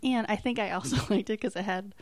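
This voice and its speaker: A woman in casual conversation, chatty and quick to laugh, with lots of "like" and "um.". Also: medium pitch, darkish tone, no echo. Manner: chatty, laughs often, filler-heavy. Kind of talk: casual chat. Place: American.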